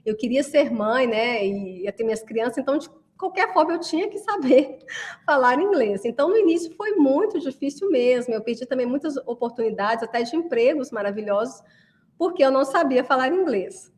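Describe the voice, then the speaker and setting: A woman's voice: high-pitched, animated, fairly quick, darkish tone. A woman from Brazil giving a chatty class to parents, often asking listeners to agree as she talks. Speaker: course creator addressing parents. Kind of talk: casual promotional class talk.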